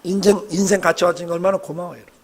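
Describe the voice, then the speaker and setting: A man's voice: high-pitched, little pitch movement, very fast. A middle-aged male pastor preaching a sermon in a church, emphatic and exhorting, calling on the congregation to respond. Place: church sanctuary.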